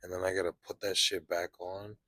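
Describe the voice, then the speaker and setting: A man's voice: low voice, flat delivery, a little fast, bright, forceful tone, dry recording. A young man hosting a podcast, chatting casually with lots of profane slang. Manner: laid-back, profane slang. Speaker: podcast host.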